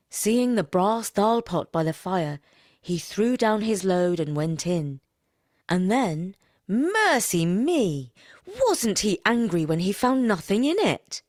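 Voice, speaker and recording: A woman reading a children's story aloud as the narrator, expressive and playful. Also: mid-range voice, no room sound, clean studio sound.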